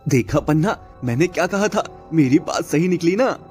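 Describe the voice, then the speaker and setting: A man voicing a scheming, greedy village moneylender in a cartoon story, talking in a smooth, sly way. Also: on the high side, expressive, normal speed, a little mellow, faint music behind, natural voice.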